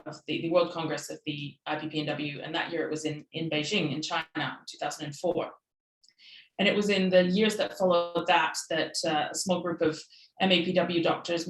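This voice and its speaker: A woman from Peru giving a measured, thoughtful online talk over a video call, pausing softly with fillers. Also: low-pitched, roomy sound, rough recording. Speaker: guest speaker.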